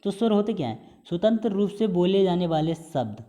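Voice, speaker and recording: A man with a mellow, warm voice gives a recorded exam-prep lesson. He explains each point patiently and stretches out sounds to demonstrate pronunciation, slipping English terms in among his explanations. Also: sits high, sing-song, fairly quick. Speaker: Hindi teacher.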